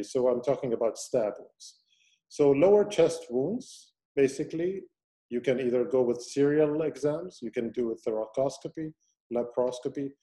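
Mellow-voiced man giving a medical lecture. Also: medium pitch. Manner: methodical teaching with audience questions. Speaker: surgeon lecturer.

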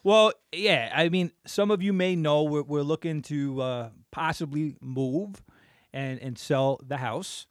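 A man's voice: on the high side, unhurried, clean tone, no echo, clean studio sound. A middle-aged man co-hosting a casual chat, telling stories and acting out the voices of people he quotes. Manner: animated storyteller, acts out quoted voices. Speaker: podcast co-host.

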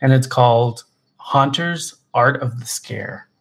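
Guy cohosting a podcast, relaxed chatty, lots of uh and um, really into what he's recommending. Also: medium pitch, slow, gravelly. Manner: relaxed, many fillers and restarts, enthusiastic recommendations. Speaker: podcast co-host. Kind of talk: casual chat.

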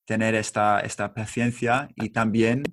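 Relaxed man asking questions. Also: fairly low pitch, unhurried. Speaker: interviewer. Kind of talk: casual conversation.

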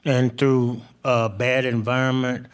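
A man from Arkansas, telling his story candidly and informally as a guest on stage, in halting phrases. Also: mid-range voice, flat delivery. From Arkansas, United States. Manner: plain-spoken, informal, halting. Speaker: interview guest, barbecue cook. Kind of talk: candid personal storytelling in a live interview. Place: on stage at a live show.

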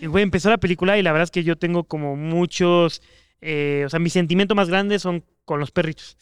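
High-voiced young Mexican guy. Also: fairly quick, smooth, no room sound, clean studio sound. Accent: Mexican Spanish. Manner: rambling, emotional storyteller. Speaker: podcast co-host. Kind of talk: casual chat.

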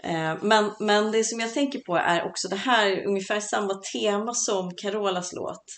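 A woman's voice: medium pitch, slight background noise. A woman co-hosting a casual chat about songs, talking in a playful, chatty way. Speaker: podcast co-host. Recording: echoey room.

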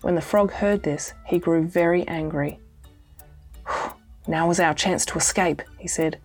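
A woman with an Australian accent reading a children's storybook aloud, giving the characters' lines gently. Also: on the low side, steady tone, measured pace. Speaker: audiobook reader. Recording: soft music bed behind voice.

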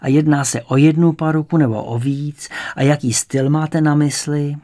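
A man's voice: fairly high pitch, steady tone, mellow, lightly acted. A man voicing a haughty old lady. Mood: prim polite. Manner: prim, formal politeness. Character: suspicious, haughty, heavily made-up old woman.

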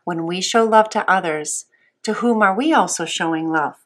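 A woman teaching a Bible lesson to young children as a Sunday school teacher, sweet and patient, asking simple questions with pauses. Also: lowish voice, fairly bright tone.

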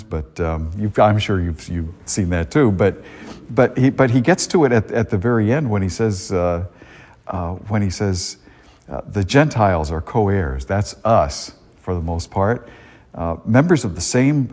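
His voice is low, husky and darkish. The man is a priest who reads the gospel in church and then gives a homily in a conversational way, repeatedly restarting his sentences amid a long, cathedral-like reverb.

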